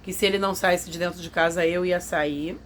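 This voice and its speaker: A woman's voice: lowish voice, steady tone, fairly quick, slight background noise. Woman confiding a hard past. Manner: confiding, emotional storytelling that acts out others' voices. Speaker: vlogger telling a personal story. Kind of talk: personal testimony to camera.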